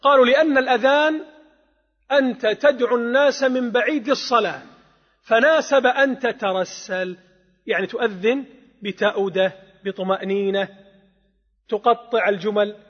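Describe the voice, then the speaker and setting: Guy teaching religious law, high husky voice, big echoey hall, muffled old recording. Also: moderate pace, pauses often. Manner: explanatory, counts along with listeners, demonstrates the call softly and aloud. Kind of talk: Islamic jurisprudence lesson.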